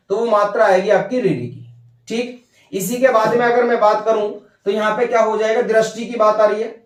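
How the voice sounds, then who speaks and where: Male grammar teacher, high voice, slightly off-mic; patient and repetitive, keeps checking in with his students. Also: reverberant, distant mic. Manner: repetitive, checks understanding with "ठीक है" and "भैया". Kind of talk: whiteboard grammar lesson.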